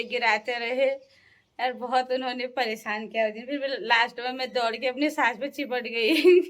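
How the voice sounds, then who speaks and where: A young woman from the Uttarakhand hills talks to her followers in a relaxed, unhurried way. Her voice sits a little high, and she laughs easily as she tells her stories. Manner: chatty, laughs often, sings folk songs slowly. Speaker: vlogger. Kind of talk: casual storytelling.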